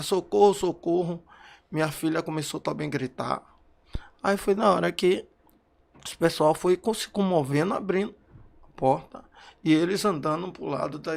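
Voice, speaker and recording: A grieving man with a gravelly, fairly high voice speaks in an interview. He tells his story in broken, repeating phrases, and his voice lifts when he recalls shouting for help. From Brazil. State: emotional. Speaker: bereaved father interviewed. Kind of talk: emotional testimony.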